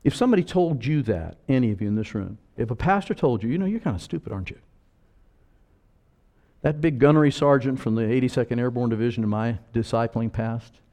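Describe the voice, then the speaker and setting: An older man preaching a sermon to a congregation, blunt and rambling, with quiet asides and sudden loud emphatic lines. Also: mid-range voice, lively intonation, fast talker, hardly any pauses. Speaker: pastor. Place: church in front of a congregation.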